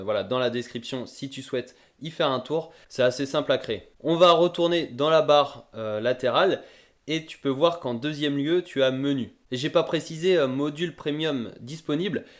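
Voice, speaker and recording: A young man walks the viewer through a software tutorial at a relaxed pace. His voice sits at a middle pitch, and he talks familiarly, with many small hesitations as he clicks along. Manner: casual, addresses viewer as "tu", frequent "euh" fillers. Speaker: web tutorial host. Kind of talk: screen-recorded software tutorial.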